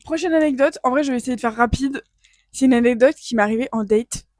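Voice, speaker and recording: A woman's voice: high-pitched, fast talker, no room sound, studio quality. A young woman co-hosting a podcast, telling her own anecdotes in casual chat and quoting people as she goes. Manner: expressive storyteller, quotes people in her stories. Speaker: podcast co-host.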